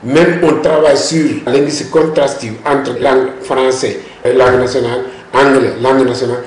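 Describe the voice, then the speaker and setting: Here the same male guest, a language policy expert, talks fairly quickly with a flat, medium-pitched delivery. In this echoey interview he holds forth at length, insists on his views, and interrupts with repeated words.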